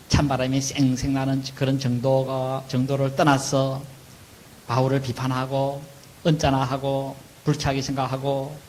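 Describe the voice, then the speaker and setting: A man's voice: medium pitch, darkish tone, slight background noise, rough recording. A middle-aged man preaching a sermon as pastor, asking questions and answering them himself. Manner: acts out wailing mourners in a raised voice.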